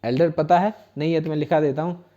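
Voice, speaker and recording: A spoken English teacher with an Indian accent runs a classroom-style lesson, spelling each word letter by letter and patiently repeating every phrase. His voice is fairly high but mellow, steady in tone, and he talks fast. The recording sounds dull and lo-fi.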